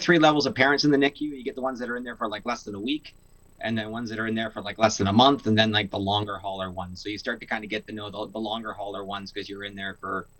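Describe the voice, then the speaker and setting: A man's voice: on the low side, fairly bright tone, rough recording. A young man from Canada, telling a personal story in a casual interview, earnest, with many fillers and restarts. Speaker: guest.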